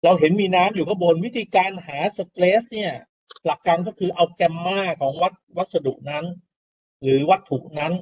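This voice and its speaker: Middle-aged male lecturer, patient and explanatory, fairly high voice, dull lo-fi classroom recording. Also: darkish tone, breathy edge. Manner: explanatory, repeats key terms, rhetorical questions to students. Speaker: university lecturer. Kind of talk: classroom lecture on soil mechanics.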